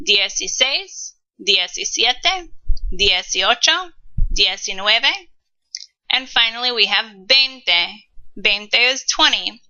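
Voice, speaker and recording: A woman in her thirties teaching a recorded Spanish lesson, modeling words slowly and carefully. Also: mid-range voice, sharp tone, dull audio. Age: 30s.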